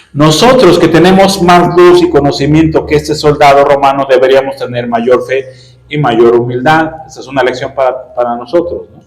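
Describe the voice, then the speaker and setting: A man teaching a Bible class in a conversational way, using fillers and tag questions and acting out quoted speech in a raised voice. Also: mid-range voice. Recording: echoey room.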